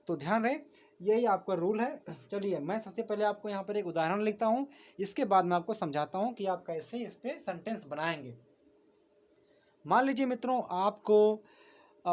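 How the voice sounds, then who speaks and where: An English teacher with a high-sitting voice writes on a board as he teaches grammar. He patiently repeats every point and often calls his viewers friends.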